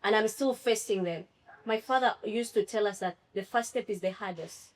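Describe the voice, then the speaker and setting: A woman's voice: mid-range voice, normal speed. A woman telling a personal story on a panel in an earnest way, quoting the people involved as she goes. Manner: earnest, storytelling, quotes others. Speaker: former trades student.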